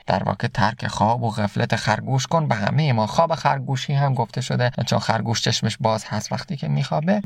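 A man teaching classical poetry. He recites verses slowly, then explains the words in plain talk. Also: medium pitch, gravelly, dry recording, clean studio sound.

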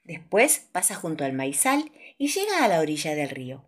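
A woman reading a children's storybook aloud in a playful, animated way. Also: low-pitched, moderate pace, husky. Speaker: storybook narrator.

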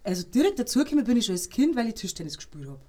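A woman with a Bavarian accent, a podcast guest telling lively anecdotes in casual chat and laughing between them. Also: on the high side, rapid-fire. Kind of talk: casual storytelling.

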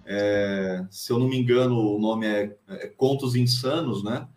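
A Brazilian man, a writer and teacher, answering interview questions casually with many pauses and restarts. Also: on the low side, darkish tone, echoey room. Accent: Brazilian Portuguese. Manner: hesitant, many fillers and restarts.

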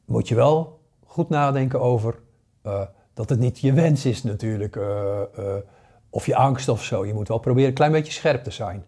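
A man's voice: mid-range voice, moderate pace, mellow, slightly rough. Hesitant man in his sixties. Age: 60s. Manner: hesitant, many fillers and restarts. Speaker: paranormal course teacher. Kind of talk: casual spoken lesson.

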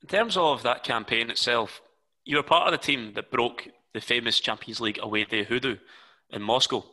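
Very bright-voiced male interviewer. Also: mid-range voice, normal speed, rough recording. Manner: lengthy, detailed setup questions. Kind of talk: interview questions.

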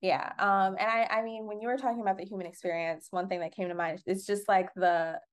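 A woman's voice: medium pitch, fairly even intonation, a little fast. A young woman co-hosts a podcast and explains in an easy, conversational way. She keeps circling back with filler words and restarts as she thinks aloud. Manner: chatty, many fillers and restarts. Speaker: podcast co-host. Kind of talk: casual explanatory chat.

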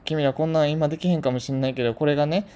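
A man quoting a persuasive, shaven-headed middle-aged male cram-school teacher with a Kansai accent, speaking in a smooth, encouraging patter. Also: on the high side, fairly even intonation, rapid-fire, warm tone, voice pushed up, lightly acted. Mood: coaxing.

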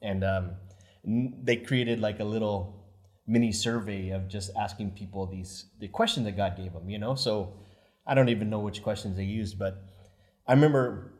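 Low-pitched male missionary, reflective, laughs easily, loose rambling phrasing in casual talk. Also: fairly even intonation, normal speed, a little mellow. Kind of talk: casual conversation, reminiscing.

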